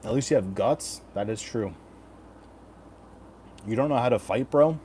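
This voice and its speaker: A man's voice: medium pitch, a little slow, warm tone, a little hiss or hum. A man hosting a casual livestream, talking in crude, profane frat-bro slang as he banters with chat. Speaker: livestream host giving fight predictions.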